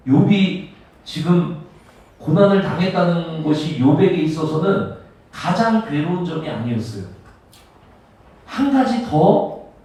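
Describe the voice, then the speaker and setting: A male pastor preaching a sermon with emphatic, dramatic swings between loud and hushed delivery. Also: a little high. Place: church sanctuary. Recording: echoey church hall, mic at a distance.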